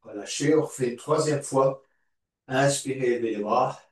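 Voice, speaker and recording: A man teaching a morning yoga class, giving calm, encouraging cues and repeating them slowly. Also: mid-range voice. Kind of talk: guided yoga class instruction. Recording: echoey room, voice far from mic.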